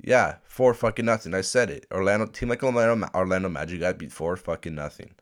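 A podcast host with a stuffy nose rambles through a casual solo rant into a desk microphone at his laptop, swearing constantly. He has a deep voice and talks fast.

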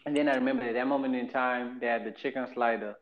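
A Zimbabwean man rattles off a story at a quick clip, voice in a middling register. He repeats himself for effect and slips into other people's voices as he tells it. The recording sounds a little dull and lo-fi. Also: medium pitch. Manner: animated, repeats phrases, acts out quoted voices. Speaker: podcast host. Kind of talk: casual storytelling chat.

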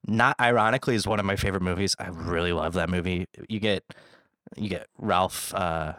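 A man's voice: sits low, brisk, fairly bright tone, no room sound, clean studio sound. A man co-hosting a casual podcast chat, rambling with fillers and laughing easily. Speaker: podcast co-host.

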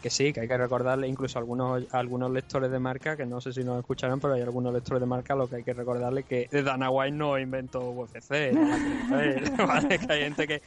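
A man's voice: medium pitch, brisk, hardly any pauses. A man co-hosting a podcast in casual chat, recounting stories with asides. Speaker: podcast co-host.

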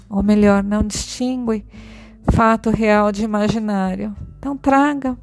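Slow, soothing woman guiding a meditation. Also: mid-range voice, steady tone. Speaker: meditation guide. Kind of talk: guided meditation. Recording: soft music behind.

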